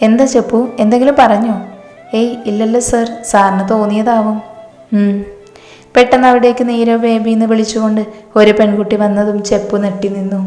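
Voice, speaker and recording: Woman reading a romance story, flat voice. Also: medium pitch, echoey room. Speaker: story narrator. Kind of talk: reading a romance story aloud, doing all characters.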